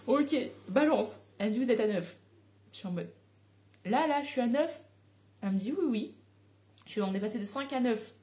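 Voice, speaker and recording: A young woman telling a personal story in a casual, animated way, with slang and frequent laughter. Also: a little high, normal speed, pauses often. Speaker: vlogger.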